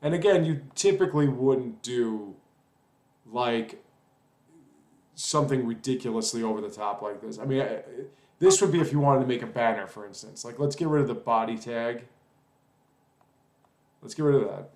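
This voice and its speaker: A man talks through a web coding lesson in a loose, rambling way, pausing to think aloud and filling gaps as he goes. His voice sits at an ordinary middle pitch. The recording has a noticeable roomy echo. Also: a little mellow. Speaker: web development tutor. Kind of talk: casual screen-recorded coding tutorial.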